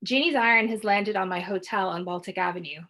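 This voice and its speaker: A woman reading literary fiction aloud in a measured, quiet way. She narrates steadily in the first person, keeping her delivery even and unhurried. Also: mid-range voice. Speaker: author reading at a book launch.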